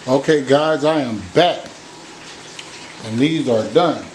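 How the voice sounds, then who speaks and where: A man's voice: mid-range voice, takes it slowly. Chatty man cooking at home. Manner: loose, chatty, tastes food on mic. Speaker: home cooking channel host. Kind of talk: casual live-stream cooking talk. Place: home kitchen. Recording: noisy home recording with frying. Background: sizzling frying.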